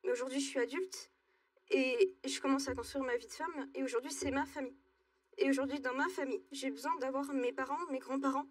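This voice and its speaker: A woman in her twenties from Alsace, speaking hesitantly with many pauses and fillers as a talk show guest. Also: high voice, steady tone, recorded from a distance. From Alsace, France. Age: 20s. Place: TV studio.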